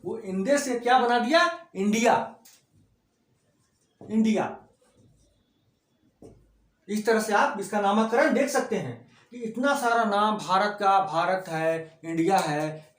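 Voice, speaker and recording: A man teaching a class, repeating key words and asking rhetorical questions. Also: high voice. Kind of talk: classroom lecture. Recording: echoey room.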